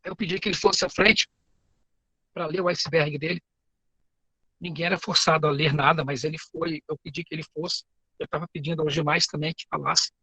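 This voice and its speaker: Homem pregador brasileiro, sermão sincero, som seco. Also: male voice, fairly high pitch, fairly even intonation, brisk, bright, forceful tone, husky, no room sound, low-quality recording. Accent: Brazilian Portuguese. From Brazil. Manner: earnest, storytelling, repeats words and phrases. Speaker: preacher and teacher. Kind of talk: sermon.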